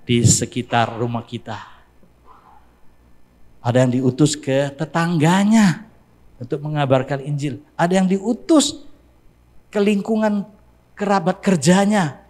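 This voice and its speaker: A male pastor, preaching a sermon to his congregation in an animated way, rising to emphatic exclamations. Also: a little high, a little slow, long pauses. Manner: addresses congregation directly.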